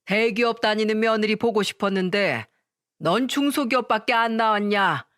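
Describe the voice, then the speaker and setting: Give me a woman voicing a contemptuous older man who scolds bluntly, in an even middle voice. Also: mid-range voice, moderate pace, lightly acted. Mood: scornful. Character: rude arrogant older man, prospective father-in-law.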